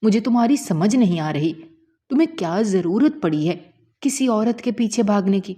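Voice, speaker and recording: A woman's voice: mid-range voice, expressive, warm tone, voice pushed up, natural voice. A woman voicing an exasperated, worried young man who scolds and questions in disbelief in a narrated story. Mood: scolding.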